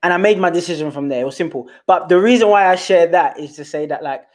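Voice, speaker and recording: A young man with a London accent, telling a story from his school days as a guest on a casual interview, repeating words when excited. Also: on the high side, fast. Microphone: remote call.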